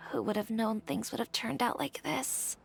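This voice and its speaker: A woman's voice: on the high side, gravelly, a bit bright, heavily acted. A woman voicing a friendly young townsperson in a video game, casual and slightly hesitant. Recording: game music underneath.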